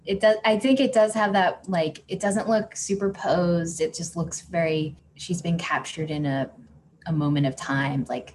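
A woman's voice: sits low, slight background noise. A woman hosting a podcast in casual chat, talking loosely with many "like" fillers and frequent laughter. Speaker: podcast host.

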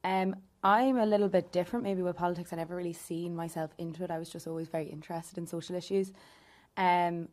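A woman's voice: on the low side, fairly even intonation, fast talker, darkish tone. A woman in her twenties with an Irish accent, answering conversationally as an interview guest. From County Louth, Ireland. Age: 20s. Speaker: interview guest, youth political group member.

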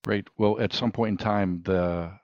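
A man's voice: lowish voice, steady tone, a little slow, darkish tone, no room sound. A man hosting a financial podcast in a polished, businesslike way. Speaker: podcast host. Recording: dry, slightly dull audio.

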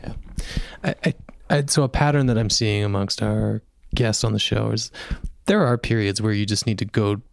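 A man's voice: lowish voice, fairly even intonation, moderate pace, creaky, no room sound, clean studio sound. A man hosting an interview podcast, thoughtfully summarizing and asking questions. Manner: thoughtful, summarizing guests' patterns. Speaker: podcast host.

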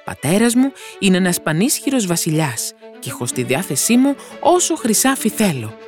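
A woman's voice: lowish voice, sing-song, darkish tone, soft background music, pitched above the performer's own voice. A woman voicing a brave young prince in a fairy tale, speaking earnestly and confidently.

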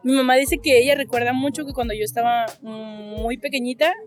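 A young Mexican woman with a high, bright-pitched voice tells a story on the street, leaping up in pitch whenever she acts out someone else's lines. Faint music plays behind her. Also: fairly even intonation, fairly quick. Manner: acts out quoted voices with big pitch jumps. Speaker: guest interviewee. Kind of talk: casual storytelling. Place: outdoors on a street.

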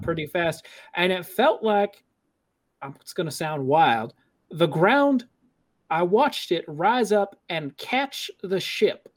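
Slightly high-voiced man playing a pilot. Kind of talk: playing a character in a tabletop game.

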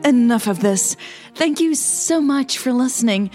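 A woman with a high, warm, expressive voice talks a little slowly over faint background music. She's a podcaster who tells scripted stories and hosts in a loose, chatty style, playful, informal and self-deprecating.

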